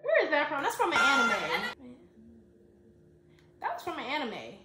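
A woman's voice: high voice, wildly swooping pitch, normal speed, heavy background noise. A woman giving casual, slangy, exclamatory reaction commentary as a video host. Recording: roomy with faint background music.

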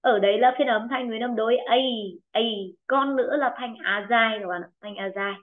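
A woman with a Vietnamese accent teaches an online English pronunciation lesson, encouraging her students and repeating words slowly for them. Her pitch is fairly high, and the video call audio sounds tinny and phone-like.

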